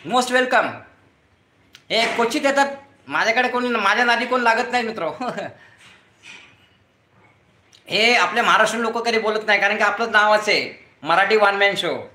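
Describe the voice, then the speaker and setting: High bright-voiced middle-aged man streaming live. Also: moderate pace, pauses often, reverberant. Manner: chatty, greets viewers by name, thanks them warmly. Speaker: YouTube live-stream host. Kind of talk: casual live-stream chat, reading viewer comments. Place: home room beside his front door.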